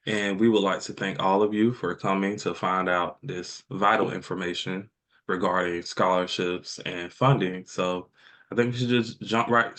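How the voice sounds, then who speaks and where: Man, co-host, very deep voice, flat delivery, earnest, formal. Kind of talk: hosting a panel discussion.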